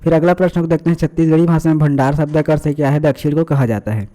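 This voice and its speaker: Man explaining an answer key, mellow. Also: a little high, fairly even intonation, fast. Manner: addresses viewers as friends, many fillers and repetitions. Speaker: exam tutor.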